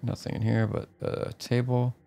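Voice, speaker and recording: A man's voice: mid-range voice, little pitch movement, normal speed, gravelly, warm tone. A man in his thirties muttering casual commentary and exasperated asides as he streams a horror game, reading out dialogue. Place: small home room, indoors. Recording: faint game noise behind voice.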